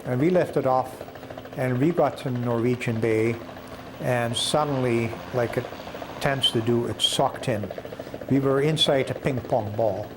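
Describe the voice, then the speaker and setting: A man's voice: mid-range voice, measured pace, noisy background. An older man recounting an adventure in a documentary interview, telling it vividly and acting out the dialogue.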